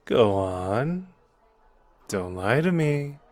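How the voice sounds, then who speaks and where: Very slow and sing-song, this man's mid-range voice has a darkish tone and an exaggerated quality, recorded without echo. He portrays a playful, cocky young sorcerer with a protective streak, speaking intimately to the listener in ASMR roleplay. The mood is earnest and persuading, the delivery casual, teasing and conversational.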